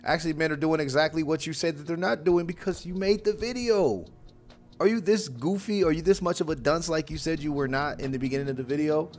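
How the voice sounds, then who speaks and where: A young man with a slightly high, slightly mellow voice hosts a reaction video from a small room at home, speaking into a wired earphone mic. He's casual and mocking, saying "bro" often.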